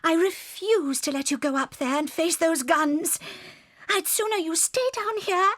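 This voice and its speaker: A woman's voice: very high-pitched, measured pace, fairly bright tone, dry recording, studio quality. An actress playing a frail, anxious, devoted mother fox in an audiobook drama, pleading and emotional. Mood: fearful, weak. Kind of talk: audiobook radio-play acting.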